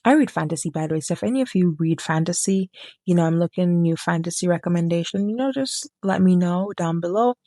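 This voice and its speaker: A woman with a low, gravelly voice talks casually to camera about books. She rambles and drifts off topic, often stopping to correct herself. The sound is dry and close, with no room around it. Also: fast, warm tone, dry recording. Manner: rambling, sidetracked, self-correcting. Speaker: book reviewer.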